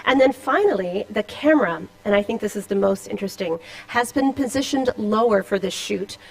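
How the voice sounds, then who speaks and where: A woman's voice: mid-range voice, low-quality recording. A woman presenting a scholarly paper at a conference, with a slight Boston accent, reading with casual asides and fillers in a lecture room. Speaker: conference speaker. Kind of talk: academic conference talk.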